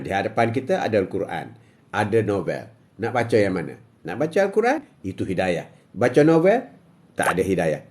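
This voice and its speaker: An older man with a Malaysian Malay accent hosts a live-streamed religious talk, responding to viewer comments in a medium-pitched voice. He is repetitive and emphatic, often throwing in "ha."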